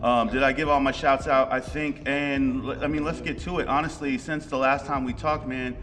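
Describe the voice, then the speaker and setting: A man hosting a casual hip hop podcast with slangy, animated banter, recorded in a reverberant empty brewery. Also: medium pitch, normal speed, slight background noise. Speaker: podcast host. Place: large empty brewery, indoors.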